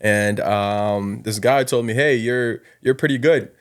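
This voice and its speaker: Guesting on a podcast, a South Sudanese college basketball coach keeps things loose and informal, using slang and saying "you know" often. He speaks at a measured pace in a clean-toned voice that sits on the low side.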